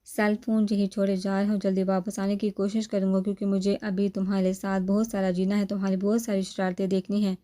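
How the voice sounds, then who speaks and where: A woman's voice: medium pitch, level tone, few pauses, dark tone, natural voice. A woman voicing a young male police officer who teases his wife in a storybook reading. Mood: tender.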